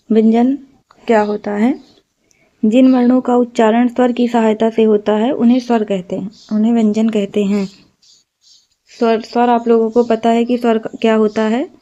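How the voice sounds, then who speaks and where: A woman's voice: on the high side, warm tone. A woman teaching an exam-prep lesson, explaining step by step and repeating key terms. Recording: slightly dull lo-fi recording.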